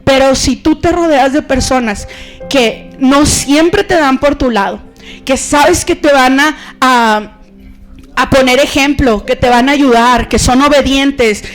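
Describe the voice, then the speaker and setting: A woman pastor preaching a sermon in an animated, conversational way, acting out stories. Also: high voice.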